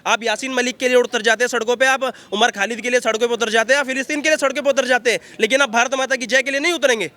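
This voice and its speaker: High-pitched, bright, forceful man ranting. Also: steady tone, rapid-fire. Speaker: interviewee on street. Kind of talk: heated street vox pop.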